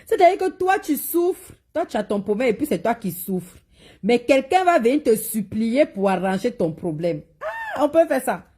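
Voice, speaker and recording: On a live social media video, a woman with a Cameroonian French accent sells spiritual and cosmetic products, bluntly scolding viewers and warning them again and again. Her voice is a little high and sing-song, warm with a breathy edge, at a normal speed.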